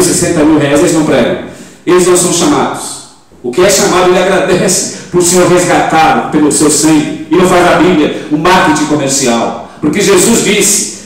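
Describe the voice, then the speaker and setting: A man in his seventies with a Brazilian accent, preaching a sermon with emphatic loud rises and rhetorical questions. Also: on the high side. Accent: Brazilian Portuguese. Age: 70s. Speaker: pastor. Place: church in Portugal. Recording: very echoey church hall, mic at a distance.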